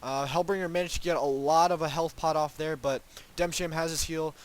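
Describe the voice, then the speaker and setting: A young man with a cold, sounding congested, casts a video game match alone as solo play-by-play esports commentary. His voice is a little high, with a steady tone and a brisk pace. He rambles and hedges, full of ums and restarts.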